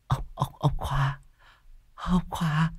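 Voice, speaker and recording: A man's voice: mid-range voice, huge pitch swings, normal speed, creaky, husky, no room sound, studio quality, voice pushed up, heavily acted. Man putting on a wailing, stammering old mother. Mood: terrified wailing. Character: old mother, hysterical with grief and terror.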